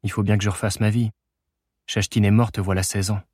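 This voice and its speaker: A male narrator plays a fifty-year-old father, pompous and sorry for himself, declaring things emphatically. His low voice sits dry and close. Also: flat delivery, a little fast, a little mellow, husky, dry recording. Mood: emphatic. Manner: emphatic, sighing.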